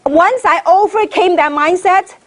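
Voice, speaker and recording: A network marketing leader from Hong Kong coaches an audience in a meeting room, energetic and constantly posing rhetorical questions. Her voice is very high, and her motivational training talk unfolds a little slowly.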